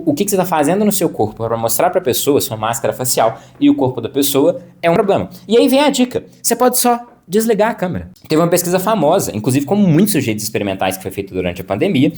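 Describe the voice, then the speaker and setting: A man in a video lesson, speaking straight into the camera's mic and explaining clinical technique. He talks at a rapid clip and packs his sentences with quick tag questions. His pitch rises and falls in wide, animated swings. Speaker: psychologist teaching clinical practice.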